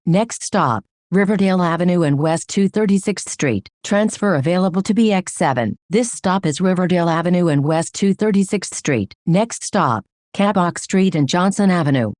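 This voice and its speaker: A woman reads recorded bus stop announcements in a steady, measured, formal delivery. Her voice sits a little low. The sound is dry, with no room around it. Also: dry recording. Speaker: transit announcer.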